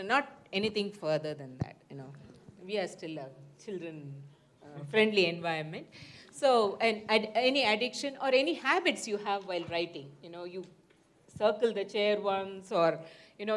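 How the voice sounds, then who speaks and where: A woman's voice: medium pitch, moderate pace. A woman moderating a live panel informally, chatty and playful with frequent asides. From Mysore, India.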